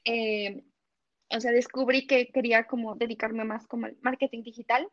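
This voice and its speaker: A woman's voice: fairly high pitch, moderate pace, lo-fi sound. A young woman with a Mexican Spanish accent, telling stories as an interview guest, acting out dialogue and laughing often. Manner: animated storytelling, acts out dialogue, laughs often. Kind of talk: casual interview chat.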